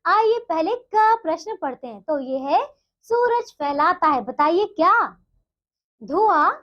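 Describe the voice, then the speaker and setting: A woman with a strikingly high voice teaches a class of small children, coaxing them along and checking in with them again and again. Her talk is patient and classroom-simple. The recording sounds dull and lo-fi. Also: animated. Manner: slow, sing-song recitation of poem lines. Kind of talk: primary school Hindi lesson for children.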